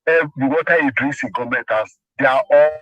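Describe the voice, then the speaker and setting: A man's voice: medium pitch, fairly quick, a bit bright, no echo. Nigerian man on a phone speaker. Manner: emphatic, repeats points, stumbles and restarts. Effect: heard over a phone on speaker. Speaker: caller. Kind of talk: heated call-in commentary. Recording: muffled phone speaker audio.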